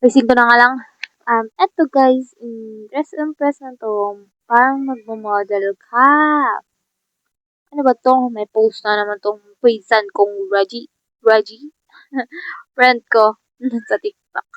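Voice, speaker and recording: A woman's voice: on the high side, steady tone, slow, long pauses, no room sound. A young woman chatting casually and teasingly to viewers while playing a game. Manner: chatty, teasing, talks to herself and viewers, laughs often. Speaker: gaming vlogger. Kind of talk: casual gameplay commentary. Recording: dull lo-fi sound.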